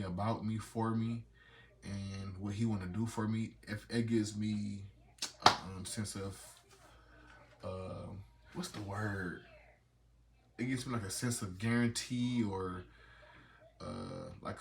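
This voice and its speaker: A man's voice: on the low side, fairly bright tone, a little hiss or hum. A man in his thirties talking loosely off the cuff in a casual vlog, reading devotional passages aloud. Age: 30s. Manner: loose and rambling, reads scripture aloud. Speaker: vlogger.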